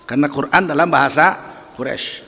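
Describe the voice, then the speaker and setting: A man's voice: a little high, fairly quick, creaky, sharp tone, slightly rough, long reverb tail. A middle-aged man preaching a religious lecture in a mosque, emphatic and full of rhetorical questions to the audience. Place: mosque hall.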